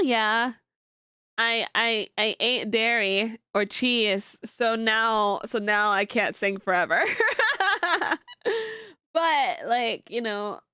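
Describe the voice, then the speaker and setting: Sounding congested and nasal, a young streamer chats casually, wandering between replies to viewers as she watches videos. She speaks with a fairly high, bright, forceful voice, captured cleanly in studio quality without echo.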